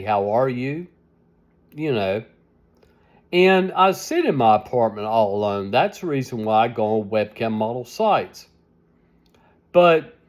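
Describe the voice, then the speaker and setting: Slow, rambling seventy-year-old man. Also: mid-range voice. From United States. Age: 70s. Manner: rambling, complaining, repeating himself. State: sleepy and tired. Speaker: vlogger. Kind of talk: casual vlog monologue.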